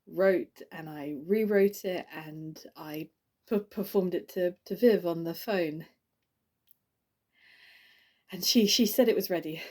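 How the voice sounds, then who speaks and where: Actress doing a sad woman giving a eulogy, slow, stammery, soft dark voice, audition piece. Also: lowish voice. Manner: halting, stammering, many restarts. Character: grieving woman giving her friend's eulogy. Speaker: actor. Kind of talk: audition monologue.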